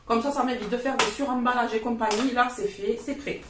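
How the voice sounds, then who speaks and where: A woman's voice: a little high, steady tone, brisk, distant mic, heavy background noise. Chatty southern French woman, echoey room. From southern France. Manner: chatty and down-to-earth, frank and colloquial. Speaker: vlogger showing her grocery haul. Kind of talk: casual chat. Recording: roomy echo, voice from off the mic.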